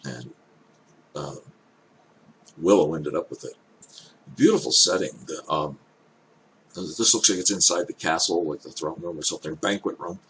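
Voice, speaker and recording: An older man with an elderly-sounding voice gives casual off-the-cuff commentary, thinking aloud in halting, hesitant phrases. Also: very deep voice, fairly bright tone, rough recording. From Canada. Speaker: reaction video host. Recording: clear background noise.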